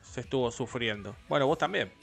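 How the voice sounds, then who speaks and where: A man's voice: mid-range voice, expressive, brisk, gravelly, fairly bright tone, soft background music. A man in his forties with an Argentine accent, hosting a casual radio interview in a chatty, rambling, opinionated way. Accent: Argentine Rioplatense. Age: 40s. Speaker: radio host.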